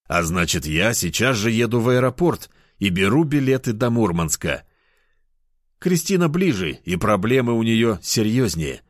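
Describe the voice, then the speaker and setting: A man reading a first-person audiobook in an expressive, lively way. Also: on the low side, no echo, clean studio sound. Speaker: audiobook narrator.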